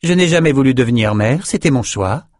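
A man's voice: medium pitch, lively intonation, fairly quick, a little mellow, no room sound, pitched above the performer's own voice, close to an everyday voice. A fearless sorceress with a raised voice, blunt and curt, who speaks her mind in a storybook reading, put on by a male narrator. dry, close sound. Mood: firm. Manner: frank, curt.

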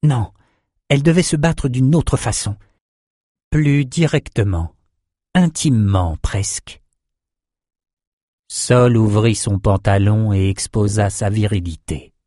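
A man with a lower voice reads a fantasy audiobook in a steady, measured way. The sound is dry and close, with no room around it. His delivery stays even throughout. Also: no room sound. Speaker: audiobook narrator. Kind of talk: scripted fantasy narration.

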